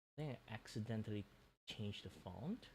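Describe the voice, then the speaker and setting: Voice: medium pitch, animated, moderate pace, vocal fry, darkish tone, a little hiss or hum. Casual, rambling live streamer. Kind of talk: casual live stream chat while working.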